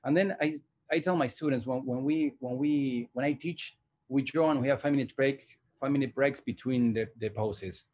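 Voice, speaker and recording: During a relaxed interview about his work, an animation director and teacher in his forties, originally from Argentina, responds in an unhurried, reflective manner. He pauses and begins sentences again as he hunts for words, his middle-pitched voice a little mellow, captured with lo-fi sound.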